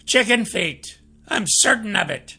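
A man's voice: high voice, lively intonation, unhurried, bright, forceful tone, voice pushed up, heavily acted. A man voicing a sly male shapeshifter who talks his way past a guard with coaxing tricks. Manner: smooth-talking, coaxing, mischievous.

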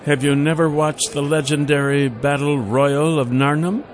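A man's voice: fairly high pitch, steady tone, moderate pace, slight background noise, voice pushed up, close to an everyday voice. A man voicing a poised, teasing young noblewoman ruler who speaks in a lofty, coaxing way. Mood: mock-shocked.

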